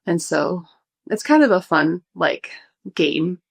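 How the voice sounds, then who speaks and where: A young woman talking through her work in a relaxed interview, slightly out of breath and pausing with fillers. Her voice sits a bit low for a woman. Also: creaky. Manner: relaxed, thoughtful, many fillers. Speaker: guest, food blogger. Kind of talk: casual interview.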